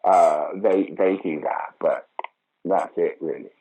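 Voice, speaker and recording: An older man with a low, slow, mellow voice and a breathy edge answers interview questions conversationally, sounding wry, opinionated and emphatic. He's an actor, writer and director of pantomime, and the recording quality is low.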